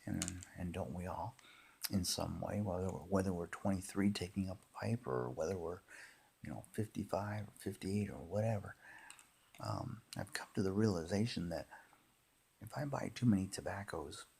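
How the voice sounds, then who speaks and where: A man in his fifties chatting casually in an unhurried, halting, rambling monologue, with a gravelly, husky voice. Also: low voice, a little mellow. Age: 50s. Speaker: pipe hobbyist and former tobacco shop worker.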